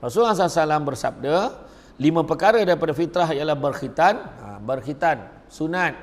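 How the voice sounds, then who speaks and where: A man's voice: on the high side, lively intonation, quick pace, long reverb tail. A man with a Malaysian Malay accent giving a humorous religious lecture in a mosque, switching between storytelling, acted voices and chanted recitation. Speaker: preacher. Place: mosque hall.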